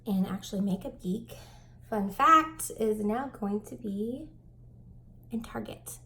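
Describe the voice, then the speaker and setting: A young woman talks through a makeup routine at home in a loose, rambling way, full of fillers. Her voice has a gravelly fry at the ends of phrases. She often slips into soft, breathy whispered asides, over a faint background hiss. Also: mid-range voice, lively intonation, unhurried. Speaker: beauty vlogger. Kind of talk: makeup tutorial chat.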